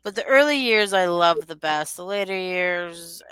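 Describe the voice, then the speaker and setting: Chatty woman with a bright, clear voice. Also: lowish voice, lively intonation, a little slow, dry recording, low-quality recording. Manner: chatty, rambling, loosely shaped sentences. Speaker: podcast host. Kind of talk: casual chat.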